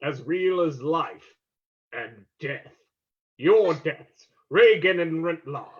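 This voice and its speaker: A sinister, commanding vigilante of radio drama, voiced by a man. He speaks slowly and theatrically, mocking and ominous, through a dull, lo-fi recording. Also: fairly high pitch, animated. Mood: menacing. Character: mysterious avenging crime-fighter, sinister, mocking and commanding. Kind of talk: old-time radio acting.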